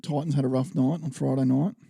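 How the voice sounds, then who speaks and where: A man's voice: medium pitch, fairly even intonation, fast, gravelly, dark tone, slightly rough, no room sound. An Australian man hosting a casual podcast over beers, making dry, wry remarks. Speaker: podcast host.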